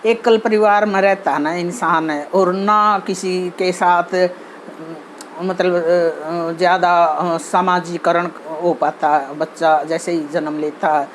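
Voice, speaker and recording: A woman's voice: fairly low pitch, steady tone, slow, a little hiss or hum. Earnest Haryanvi woman giving advice. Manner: earnest, repeats herself, many fillers and restarts. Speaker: channel host giving advice. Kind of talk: casual talk on social behavior.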